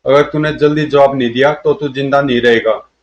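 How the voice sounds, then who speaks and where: A man's voice: medium pitch, steady tone, fairly quick, close to an everyday voice. Guy doing a tough heroine grilling a crook, bossy, muffled lo-fi audio. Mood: interrogating. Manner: commanding, interrogating. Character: fierce female masked vigilante, commanding.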